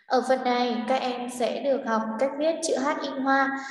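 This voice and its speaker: A woman teacher with a slightly high voice, patiently walking young children through a workbook. She repeats each word slowly. The sound is echoey and far from the mic, with a long room reverb. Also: fairly even intonation. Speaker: English teacher.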